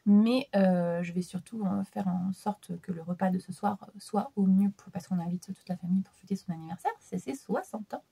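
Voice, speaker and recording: A French book vlogger in her thirties chats casually about what she has been reading, her nose stuffed up from a cold. Her mid-range voice is warm, gravelly and a bit breathy, moving fairly quickly with fairly even intonation and few pauses. She is chatty, using lots of fillers and restarts.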